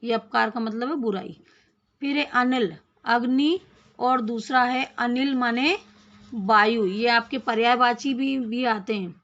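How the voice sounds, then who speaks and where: Slow, gravelly-voiced woman teacher. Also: fairly high pitch, a bit bright, muffled recording. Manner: explains slowly, repeats phrases, asks rhetorical questions. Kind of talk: Hindi grammar lesson.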